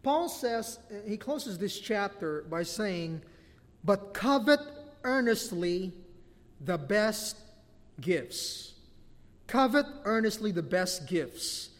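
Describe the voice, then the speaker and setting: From the pulpit, a Filipino pastor in his middle years delivers a sermon with a Filipino accent and a voice that is high for a man. Lively in intonation yet taking it slowly, he talks animatedly and laughs often between points, his words echoing with long reverb through the church hall.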